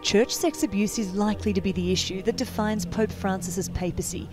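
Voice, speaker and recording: A woman reporter narrates a news package in a measured, even voice at a middling pitch. Music plays clearly beneath her. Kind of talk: scripted news voice-over. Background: music bed.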